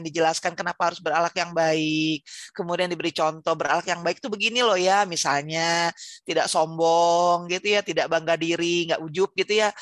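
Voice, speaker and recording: A woman's voice: on the low side, a bit bright, dry recording. A woman giving a chatty Islamic parenting seminar, speaking directly to the parents and asking them rhetorical questions. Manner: tags sentences with "gitu ya".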